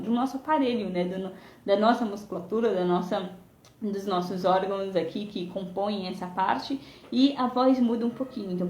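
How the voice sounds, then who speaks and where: A woman's voice: mid-range voice, mellow, roomy sound, slight background noise. A woman English teacher with a Brazilian Portuguese accent, giving a chatty live lesson and checking in with "né?" and "tá?". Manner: chatty, explains with many "né?" and "tá?" tags. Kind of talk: live-streamed language lesson. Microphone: phone or webcam.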